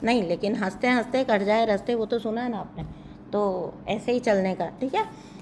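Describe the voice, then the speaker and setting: A woman's voice: medium pitch, normal speed, darkish tone, slight background noise. Giggly, chatty woman tarot reader. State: voice going hoarse. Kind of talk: casual chat to viewers.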